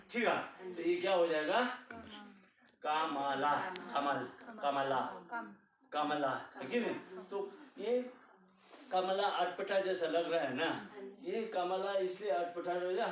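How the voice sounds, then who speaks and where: Male teacher, high voice, patient and repetitive, far from the mic in a very echoey room. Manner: patient, repeats "ठीक है" often, checks understanding. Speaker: language teacher. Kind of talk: classroom teaching. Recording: echoey room, distant mic, dull sound.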